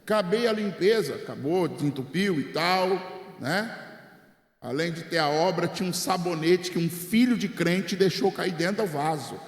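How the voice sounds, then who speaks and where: A man preaching a humorous sermon as a guest pastor, telling animated stories and mimicking church members. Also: high voice, moderate pace. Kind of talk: humorous sermon with acted anecdotes. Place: church sanctuary. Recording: echoey church hall, long reverb.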